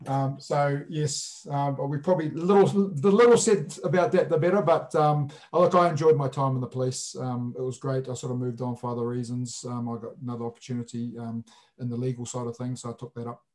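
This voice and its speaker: A man with a broad Kiwi accent talks in a casual interview style at a middling pitch. He is blunt and jokey, leaning on colloquial phrasing as he answers as a guest. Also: flat delivery, brisk, a little mellow. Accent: broad New Zealand. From New Zealand. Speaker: sports referee, interview guest.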